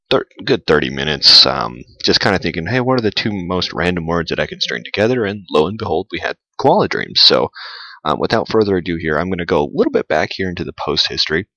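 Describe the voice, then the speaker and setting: A low-pitched man with a bright, forceful edge to his voice, reading his own blog post aloud. He talks loosely with plenty of fillers, and his humor is dry and self-mocking. The sound is close and dry, with no room echo. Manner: loose and filler-heavy when talking off the cuff. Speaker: blogger.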